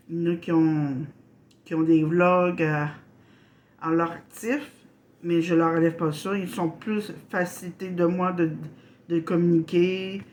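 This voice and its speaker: A woman from Quebec with a Québécois accent, hosting a casual unboxing vlog, halting and apologetic, full of fillers and restarts. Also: fairly low pitch, a little mellow, a little hiss or hum. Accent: Québécois French. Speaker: channel host.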